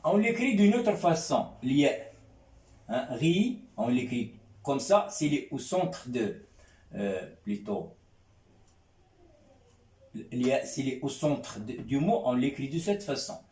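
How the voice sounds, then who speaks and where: A man leads a classroom lesson in a very slow, deliberate way. He drills syllables over and over and keeps checking that his students follow. His voice sounds distant from the mic in a reverberant room. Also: medium pitch, very animated, darkish tone. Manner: patient, repeats sounds, keeps checking with "hein?". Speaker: Arabic teacher. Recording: roomy echo, distant mic.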